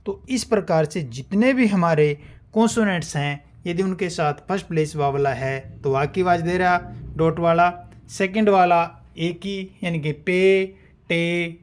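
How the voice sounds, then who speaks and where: A man teaching shorthand, explaining step by step and sounding out example syllables one at a time. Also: high-pitched. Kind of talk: classroom-style explanation.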